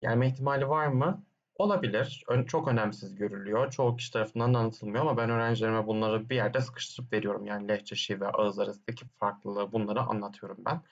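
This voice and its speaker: A man's voice: on the low side, steady tone, quick pace, highs cut off. A male teacher, working through exam questions one by one and posing his own questions before answering them. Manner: explains step by step, asks himself questions and answers them; hums "dın dın dın" between points. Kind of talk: exam question walkthrough lesson.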